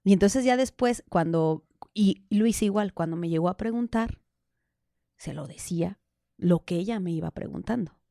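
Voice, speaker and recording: A woman, a podcast guest telling candid personal stories in an animated way, acting out the dialogue. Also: medium pitch, normal speed, gravelly, no echo, studio quality. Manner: animated, laughs often, acts out quoted dialogue. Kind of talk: candid conversational storytelling.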